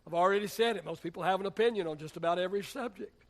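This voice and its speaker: A man's voice: high-pitched, rapid-fire. A man, a pastor, preaching a sermon in a church in a conversational, humorous storytelling way. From United States.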